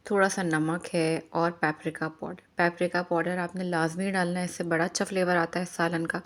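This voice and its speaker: A homemaker woman narrates her chores in a voice-over, her voice sitting a little low. She talks in a chatty, advising way and drops English phrases into her speech. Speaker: homemaker vlogger.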